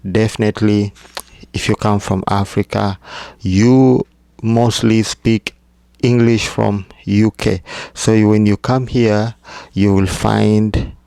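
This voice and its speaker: Slow, gravelly-voiced man vlogging. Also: on the low side, flat delivery, warm tone, no echo. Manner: slow, halting, with restarts. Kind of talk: casual advice talk to camera.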